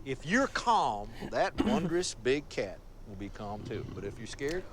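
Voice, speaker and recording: An actor playing a crude, boastful dad from the who teaches reckless driving. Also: male voice, mid-range voice, sing-song, measured pace, fairly bright tone.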